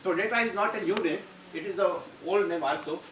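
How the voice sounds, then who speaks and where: Speaking fairly quickly in a high, slightly bright voice, a male guest lecturer rambles and restarts phrases during a university talk. The lecture-hall recording is roomy and distant, with background noise you can hear.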